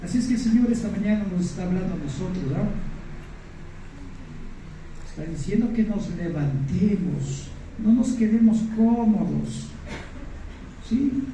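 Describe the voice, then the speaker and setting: A man's voice: high voice, animated, a little slow, pauses often, dark tone, slight background noise. A man preaching a sermon to his congregation, earnest and often asking them questions. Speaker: pastor. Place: church. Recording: echoey church hall, mic far off, faint music.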